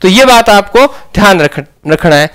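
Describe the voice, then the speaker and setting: A man's voice: high voice, animated, normal speed, a bit bright, smooth. A man teaching a grammar lesson, asking questions and answering them himself.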